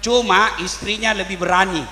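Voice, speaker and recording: A man giving a humorous sermon, lively and asking the crowd questions. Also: high voice, moderate pace. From South Sulawesi. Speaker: Islamic preacher. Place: large hall at a village celebration. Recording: echoey hall with faint mains hum.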